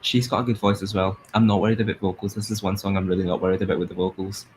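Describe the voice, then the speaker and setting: A man's voice: fairly low pitch, little pitch movement, rapid-fire, a little hiss or hum, low-quality recording. A young Scottish man chatting casually as host of a live stream, rambling with lots of fillers. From Scotland. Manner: chatty, rambling, sings along in snatches.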